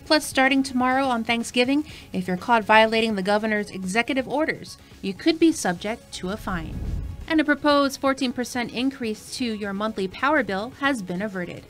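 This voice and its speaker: A woman's voice: fairly high pitch, normal speed, fairly bright tone, faint music behind. A woman reading scripted news teasers as a headline presenter.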